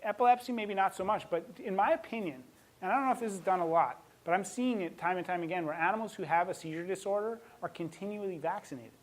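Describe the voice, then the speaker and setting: Animated man giving a talk. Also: high voice, fast, low-quality recording. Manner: animated, emotional storytelling, laughs often. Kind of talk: talk with audience.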